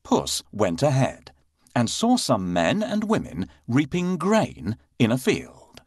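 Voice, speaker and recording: A man narrating a bedtime story for children, slow and expressive, with playful sound effects. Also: mid-range voice, husky, no room sound, studio quality.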